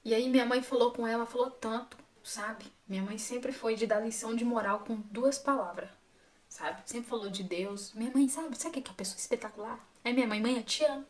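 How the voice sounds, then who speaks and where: Fast, chatty young woman vlogger. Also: on the high side. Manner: emotional, chatty, addresses viewers directly. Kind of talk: storytime vlog.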